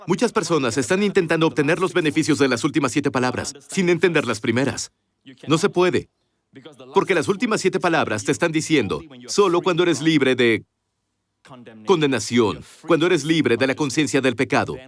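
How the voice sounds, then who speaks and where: A man's voice: a little high, lively intonation, moderate pace. A man giving a dubbed sermon voice-over, preaching emphatically and asking the congregation rhetorical questions, recorded in a voice-over studio.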